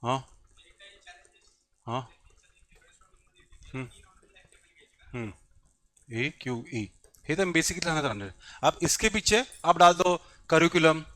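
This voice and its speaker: A man's voice: a little high, expressive, slow, long pauses, a bit bright. A man giving a classroom lecture as a coaching teacher, mixing Hindi and English, quizzing the class and repeating key points. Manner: switches between Hindi and English mid-sentence.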